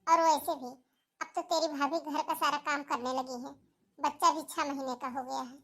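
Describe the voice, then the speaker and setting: A woman voicing a worried middle-aged mother in an animated family drama, fussy and quick to side with her daughter. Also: sits high, pitched below the performer's own voice. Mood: indignant. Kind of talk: animated cartoon voice acting.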